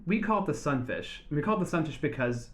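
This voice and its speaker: A man's voice: a little high, expressive, fast talker. A man on a casual podcast, eagerly explaining animal facts with jokes. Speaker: guest.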